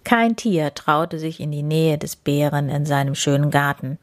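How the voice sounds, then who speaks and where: A woman reading a picture book aloud to children, expressive and often dropping to a whisper. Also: sits low, moderate pace. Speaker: story reader.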